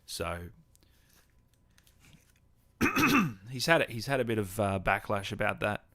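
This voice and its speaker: This Australian gaming streamer has a fairly low voice whose pitch swoops wildly, and he takes it slowly, sounding pushed and bright with no echo. He chats casually as host of the livestream, answering viewers' comments and treating them like mates.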